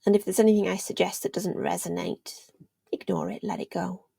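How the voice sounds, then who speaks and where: Hushed and creaky-voiced, a woman who works as a meditation guide and yoga teacher narrates a guided meditation. She speaks in a lowish voice with fairly even intonation, gently, soothingly and unhurriedly, with long pauses, often trailing into a near-whisper. The recording is dry.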